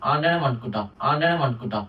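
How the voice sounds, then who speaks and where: A woman's voice: extremely low pitch, animated, very fast, narrow, tinny audio. A woman, anxiously and repeatedly questioning someone at home at night. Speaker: vlogger in a prank video. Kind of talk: casual argument at home. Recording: roomy, distant mic with faint noise.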